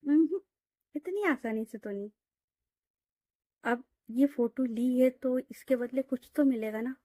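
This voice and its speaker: Brief: a woman voicing a cheeky young woman, bratty and wheedling, pitched up and lively. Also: measured pace, no room sound, clean studio sound.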